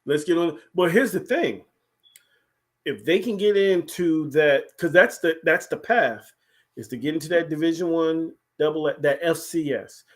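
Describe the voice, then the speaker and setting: A man, co-hosting a casual sports talk show and making his points with animated emphasis. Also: a little high, moderate pace. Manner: animated, emphatic, repeats "here's the thing". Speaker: podcast co-host.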